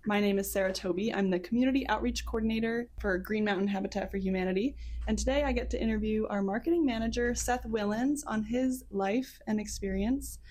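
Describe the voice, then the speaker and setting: A woman's voice: medium pitch, brisk, few pauses, a little mellow. A woman hosting a podcast interview, friendly and upbeat, asking short questions. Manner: friendly, upbeat, brief prompts. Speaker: interviewer, community outreach coordinator.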